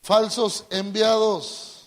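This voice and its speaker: Slow, high-voiced Latin American preacher. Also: male voice, little pitch movement. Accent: Latin American Spanish. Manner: drawn-out emphatic delivery, prompts congregation to repeat. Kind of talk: call-and-response sermon.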